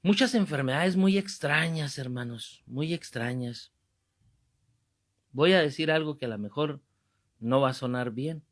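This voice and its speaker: Animated preacher, fairly high voice. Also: male voice, unhurried. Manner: animated, joking, rebuking. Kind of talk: sermon with comic storytelling.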